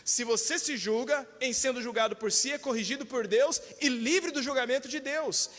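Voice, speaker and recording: Preaching in an echoing church hall, a man with a Brazilian Portuguese accent delivers his sermon forcefully, asking for amens and performing quoted voices. His pitch is extremely high, his tone slightly bright, and his speed normal.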